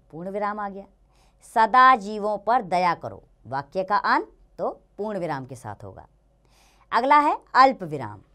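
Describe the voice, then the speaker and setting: A woman teaching a grammar lesson to children in a slow, sing-song way. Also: mid-range voice, a bit bright.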